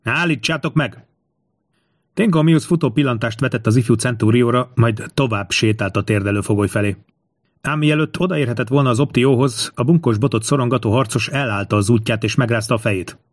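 A man narrating a historical adventure audiobook in a steady storytelling manner. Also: mid-range voice, dry recording. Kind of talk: scripted narration.

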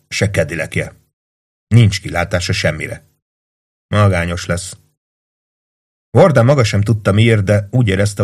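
A man narrating an audiobook in a measured, even storytelling manner. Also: deep voice. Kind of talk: scripted narration.

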